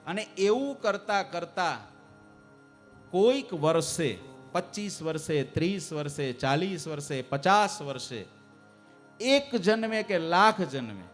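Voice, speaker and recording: A man preaching a devotional sermon to a live assembly, asking the audience questions and urging them to answer louder. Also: on the high side. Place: temple assembly hall.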